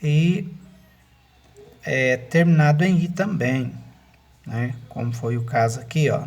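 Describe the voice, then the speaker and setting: A male teacher works through a set of exercises, patient and repetitive, often stopping to check that his listeners follow. His voice is husky and sits at an ordinary middle pitch. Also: darkish tone. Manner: patient, repetitive explaining with frequent checks like "né?" and "tá bom?". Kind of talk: classroom lesson, correcting exercises.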